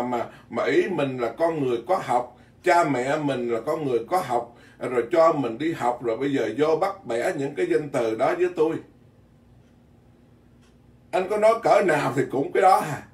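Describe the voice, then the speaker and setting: A man's voice: fairly high pitch, normal speed. A Buddhist monk gives a blunt, folksy dharma talk, often repeating words as he goes. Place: temple hall in Virginia. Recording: echoey hall, mic at a distance.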